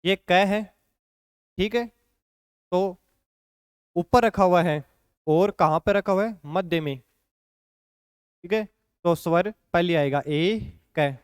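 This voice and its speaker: Guy teaching shorthand, slow and patient, fairly high smooth voice, keeps asking "ok?". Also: no room sound, studio quality. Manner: patient, repeats points with frequent "ठीक है" check-ins. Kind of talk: classroom lesson explanation.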